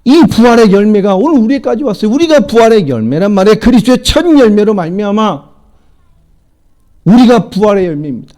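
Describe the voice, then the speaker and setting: High-pitched preaching man. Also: sing-song, a little fast. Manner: preaching with call-and-response questions to the congregation; swings from loud emphatic lines to low quiet asides. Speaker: pastor. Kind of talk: sermon.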